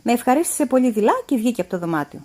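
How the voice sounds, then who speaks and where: Woman storyteller, animated reading, slightly high and very lively. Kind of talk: read-aloud storytelling.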